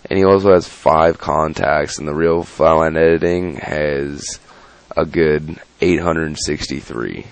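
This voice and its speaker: A man's voice: rumbling low, fairly even intonation, a little slow, gravelly, no room sound. A young man telling his viewers a story in a rambling, annoyed way, restarting often and swearing. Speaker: YouTube channel owner. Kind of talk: casual vlog rant to viewers.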